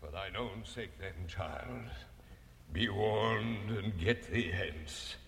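An actor playing a centuries-old noble English ghost who declaims in a booming, archaic, melodramatic way. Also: male voice, slow pace, vocal fry, long reverb tail, noisy background, exaggerated voice. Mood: furious.

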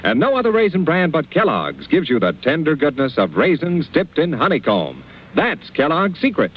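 A man's voice: fairly high pitch, huge pitch swings, normal speed, lo-fi sound. A man reading a radio commercial in an emphatic salesman's manner, heard from an old broadcast disc transcription. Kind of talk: scripted ad read.

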